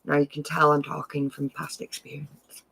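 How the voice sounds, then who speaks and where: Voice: medium pitch, completely flat delivery, normal speed, creaky, background noise. A craft live-streamer giving a casual tutorial, chatty and rambling, often correcting themselves while handing out friendly practical tips.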